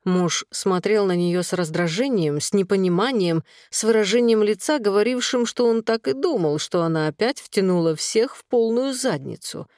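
A woman's voice: medium pitch, normal speed, hardly any pauses, a little mellow, no echo. Woman reading a novel, dry close sound. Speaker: audiobook narrator. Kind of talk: scripted narration.

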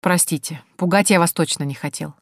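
A woman reading the part of an attentive, courteous male businessman who talks calmly and gently flatters. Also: fairly low pitch, brisk, no room sound, studio quality.

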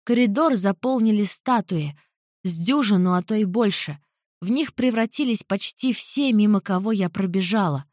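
A young woman narrates a fantasy audiobook in the first person. Her reading is expressive and emotional at a middle pitch. The recording is close and dry, with no room around her. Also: normal speed, dry recording.

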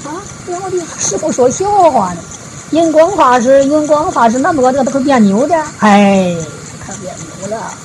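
A woman giving a Buddhist dharma talk, retelling a parable in a folksy storytelling way, with frequent drawn-out filler particles. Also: high voice, lively intonation, a little mellow, slight background noise, rough recording. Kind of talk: storytelling sermon.

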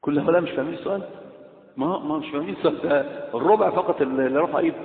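In an echoey hall with tinny lo-fi sound, a male religious teacher with an Egyptian accent gives a lesson to students. His voice is fairly high and rapid-fire as he questions the class, blending classical and colloquial Arabic.

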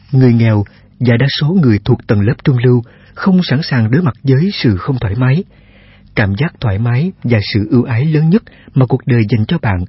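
A man reads a self-help text aloud, his voice very husky and breathy, steady and measured, putting rhetorical questions to the listener. The sound is dry and close, and a little dull and lo-fi. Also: mid-range voice, no echo. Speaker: narrator. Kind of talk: scripted self-help narration.

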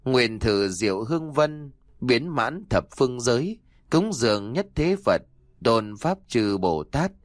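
A man's voice: medium pitch, sing-song, unhurried, dry recording, clean studio sound. A man voicing a stern old male exorcist who gives solemn, commanding instructions. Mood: chanting.

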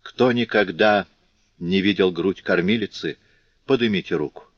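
A man's voice: sits low, normal speed, breathy edge, no echo. A man voicing a compassionate male revolutionary who earnestly pleads with his comrades, in a dull, lo-fi recording. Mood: pleading.

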